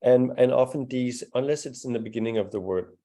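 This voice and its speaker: A man's voice: medium pitch, fairly quick, dark tone. A man teaching a live beginner language class, patient and encouraging as he explains pronunciation step by step. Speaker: Danish teacher.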